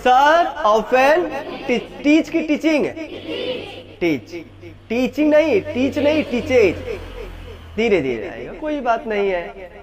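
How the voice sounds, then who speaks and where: A high-pitched man teaching a class, slow and deliberate as he repeats each phrase. He keeps asking whether the students follow, and a roomful of students can be heard around him. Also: sing-song, a crowd in the background. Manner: drills phrases aloud, asks class often. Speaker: English teacher. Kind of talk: classroom lesson.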